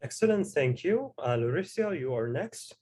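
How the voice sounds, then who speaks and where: A man hosts a panel discussion over a video call. He explains things at a measured pace, often pausing with fillers as he introduces each guest. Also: fairly high pitch, very animated, a little mellow. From Tuareg heritage. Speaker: host and moderator.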